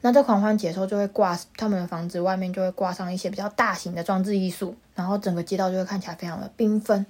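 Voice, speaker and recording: A woman's voice: mid-range voice, rapid-fire, hardly any pauses. A young woman from Taiwan, co-hosting a casual chat podcast and telling stories animatedly. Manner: animated storyteller, acts out quotes. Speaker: podcast co-host.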